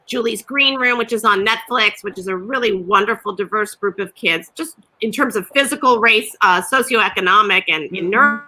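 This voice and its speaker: A woman talking casually as a guest on a video-call panel, lively and quick to laugh, with frequent restarts. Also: medium pitch. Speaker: television executive guest.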